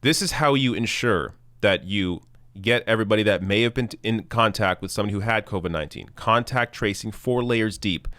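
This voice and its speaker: A man with a fairly low voice hosts a political commentary show. He speaks off the cuff to his viewers, earnest and opinionated, pressing his points with emphasis. The sound is fairly dry and close. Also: brisk, fairly bright tone, dry recording. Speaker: host of a news commentary show.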